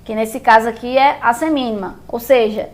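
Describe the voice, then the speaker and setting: With a slightly high voice, steady tone, and moderate pace, a Brazilian woman explains rhythm in a step-by-step music theory lesson. Her accent is Brazilian Portuguese, and she patiently repeats things, frequently asking her viewers "beleza?".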